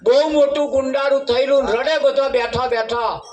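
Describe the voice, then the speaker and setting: A man's voice: extremely high pitch, fairly even intonation, normal speed. A man telling a parable as a folksy sermon, repeating lines and chuckling as he goes. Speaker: spiritual speaker at a devotional gathering. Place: devotional gathering. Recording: echoey room from a distance.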